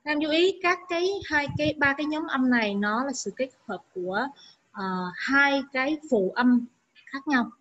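A woman's voice: sits high, lively intonation, normal speed, a bit bright. A woman English teacher giving an online lesson who explains patiently and repeats sounds for her students. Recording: dull lo-fi recording.

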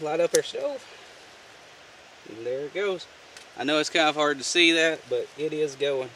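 A man casually showing a homemade camp stove outdoors, talking in a relaxed, folksy way with many fillers. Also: fairly high pitch, normal speed, far from the mic, a little hiss or hum. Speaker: outdoor gear vlogger. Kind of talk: casual how-to demonstration. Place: outdoors on the ground, off camera.

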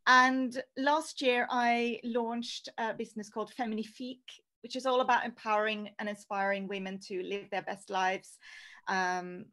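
A woman's voice: a little high, fairly bright tone. A woman in her thirties from Norway talks as a guest on a video-call interview through a headset microphone. She speaks earnestly about her work, with light laughs between her thoughts. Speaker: guest, singer-songwriter and coach.

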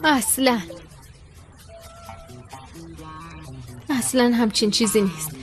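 A woman plays a proud young woman with a sharp tongue who snaps back at being teased. Her voice is high, with soft music underneath. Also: natural voice. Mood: stern. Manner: defensive, curt. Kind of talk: Persian drama dubbing.

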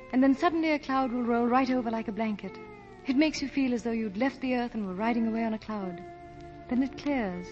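An actress playing a gravely ill young woman in love, speaking softly and tenderly, in 1940s radio acting. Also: on the high side, lightly acted. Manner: soft, tender, breathy at times. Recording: dull 1940s broadcast with music underneath.

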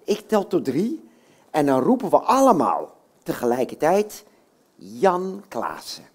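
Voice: medium pitch, very animated, a little slow, darkish tone, husky. Coaxing puppeteer talking to children. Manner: friendly, coaxing, asks many questions. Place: bookshop, indoors.

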